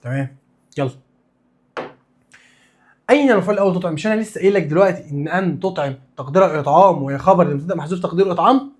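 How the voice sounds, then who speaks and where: A man's voice: high voice, racing. A man with an Egyptian accent teaching a religious studies lesson, drilling students with repeated questions and answers and casual, playful asides. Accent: Egyptian Arabic.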